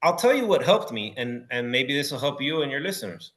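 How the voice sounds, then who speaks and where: A middle-aged man talks as a podcast guest, telling stories with energy. He acts out what people say and slips in bro and dude. His voice sits at a middle pitch. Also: fairly quick. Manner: animated storyteller, acts out quotes, says bro and dude. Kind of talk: casual interview chat.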